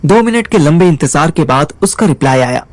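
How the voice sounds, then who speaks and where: A man's voice: a little high, lively intonation, brisk, no room sound. A young man narrating a first-person story in a wry, conversational way.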